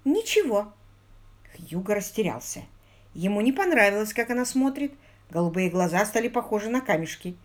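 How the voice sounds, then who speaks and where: A woman narrating an audiobook in an expressive, ironic storytelling manner. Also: medium pitch, a little fast.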